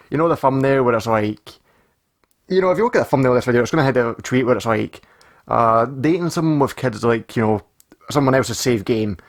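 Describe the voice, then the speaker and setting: Swearing young Scottish man telling a story. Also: medium pitch. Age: 20s. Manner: rambling, swears constantly, chuckles through the story. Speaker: storytelling vlogger. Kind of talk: casual storytelling.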